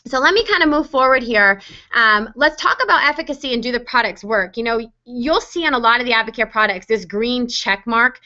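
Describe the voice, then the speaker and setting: Woman presenting a webinar, chatty and upbeat, filler words, slightly high voice, muffled lo-fi sound. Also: bright, forceful tone. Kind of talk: online sales presentation. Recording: dull lo-fi webinar audio.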